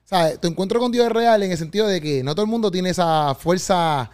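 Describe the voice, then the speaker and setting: A man's voice: sits high, brisk, darkish tone, clean tone. A male interviewer in casual conversation, encouraging his guest with frequent short affirmations.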